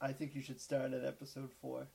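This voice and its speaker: Man, gravelly voice, dark tone, podcast co-host, crude banter. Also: medium pitch, monotone, fairly quick. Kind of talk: casual podcast chat.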